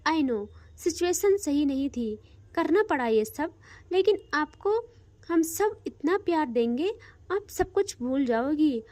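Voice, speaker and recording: Woman doing a gentle, soothing mother-in-law. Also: high voice, expressive, slow, no echo. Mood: reassuring. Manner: soft, reassuring. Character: gentle, loving middle-aged mother-in-law.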